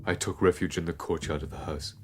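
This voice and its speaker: A man's voice: deep voice, fairly even intonation, soft background music, close to an everyday voice. A man playing Victor Frankenstein, an anguished, fearful young scientist, in theatrical gothic audiobook style. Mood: haunted dread. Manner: anguished, intense, halting when nervous. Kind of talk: dramatised audiobook acting, theatrical gothic delivery.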